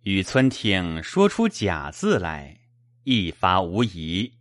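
A man narrating a classical novel in a slow, expressive storytelling manner. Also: low voice, no echo, studio quality.

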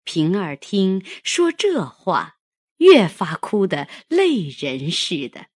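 A woman narrating a classic novel in a measured, expressive audiobook reading. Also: fairly low pitch, husky, no room sound, clean studio sound.

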